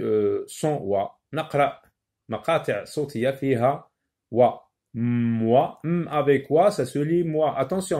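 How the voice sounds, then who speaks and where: A man teaching a children's phonics lesson, repeating each word slowly and sometimes explaining in Arabic. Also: a little high, warm tone. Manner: slow, repeats words syllable by syllable.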